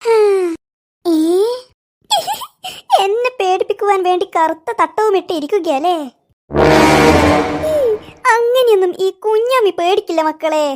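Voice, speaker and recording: A performer voicing a jumpy, easily scared middle-aged auntie in a cartoon, muttering to herself. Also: female voice, extremely high pitch, a little slow, pauses often, darkish tone, slight background noise, pitched below the performer's own voice. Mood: suspicious. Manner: muttering to herself, then wailing in fright. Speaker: cartoon character. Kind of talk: cartoon voice acting.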